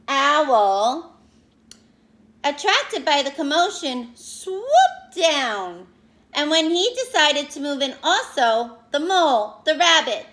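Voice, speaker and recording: This is a woman reading a picture book aloud to young listeners. She sounds expressive and instructive, pausing to explain and question them, and her voice is high-pitched.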